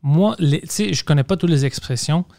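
A man's voice: fairly high pitch, a little fast, creaky, mellow, no room sound. A man hosting a podcast in casual chat, speaking French as a second language after English. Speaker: podcast host.

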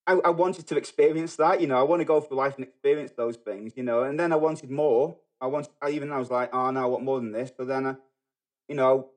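A middle-aged Manchester man appears as a guest on a casual podcast, speaking haltingly with lots of fillers and restarts. His voice sits in the mid range and his tone stays steady.

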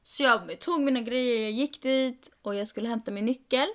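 A young woman co-hosting a podcast, telling a story in casual chat and quoting people with rising emphasis. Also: on the high side. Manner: animated, quoting others with "jag bara" and rising emphasis. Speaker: podcast co-host.

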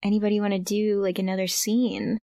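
A woman's voice: mid-range voice, flat delivery, a little fast, mellow, dry recording, studio quality. A woman running a tabletop role-playing game, easygoing and guiding the players. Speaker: game master. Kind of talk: casual role-play table talk.

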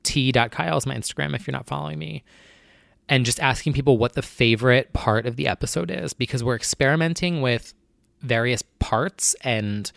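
A nervous young man talks alone into the mic, rambling and candid, with plenty of fillers. His voice has a gravelly, creaky edge and sits in a middle pitch. The sound is dry and close, with no room around it. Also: brisk, fairly bright tone, dry recording. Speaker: podcast host. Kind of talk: casual solo talk.

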